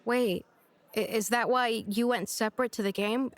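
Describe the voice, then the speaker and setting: A woman's voice: a little high, steady tone, normal speed, no echo, close to an everyday voice. An actress playing a blunt, sarcastic young woman in an audio drama, talking dry, direct and teasing. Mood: earnest. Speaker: [name].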